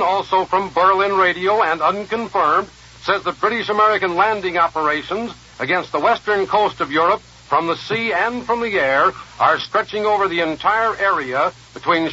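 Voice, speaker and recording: Bright, husky 1940s radio newsman. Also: high-pitched. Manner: formal, urgent newsroom delivery. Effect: old 1940s radio broadcast sound. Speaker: radio news announcer. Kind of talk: 1940s radio news bulletin. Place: radio newsroom studio. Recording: dull lo-fi 1940s radio archive.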